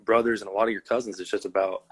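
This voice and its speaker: A man's voice: lowish voice, fairly even intonation, racing, fairly bright tone, husky. A man calling into a livestream as a fan, talking earnestly and rambling with lots of fillers. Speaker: fan caller. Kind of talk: casual chat. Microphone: joining a phone livestream.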